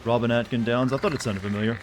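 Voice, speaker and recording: A man's voice: medium pitch, fairly even intonation, quick pace, noisy background. A man streaming a video game, giving casual play-along commentary with wry, rambling asides. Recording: game music underneath.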